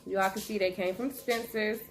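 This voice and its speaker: A woman hosting her own channel, chatting casually with viewers while chewing gum, with a relaxed, friendly manner. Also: mid-range voice, brisk. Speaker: channel host. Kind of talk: casual vlog chat. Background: faint noise of her dog moving around.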